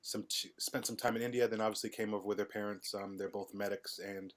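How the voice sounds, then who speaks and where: Middle-aged man guest, low monotone, relaxed and hesitant delivery. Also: quick pace. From United States, Midwest. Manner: relaxed, hesitant with many ums. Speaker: podcast guest. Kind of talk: casual interview conversation.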